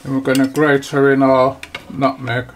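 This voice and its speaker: Flat-voiced man talking through a recipe. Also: mid-range voice, moderate pace, faint music behind. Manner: easygoing, talks through each step while working. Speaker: cooking channel host. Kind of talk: casual cooking demonstration. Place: home kitchen.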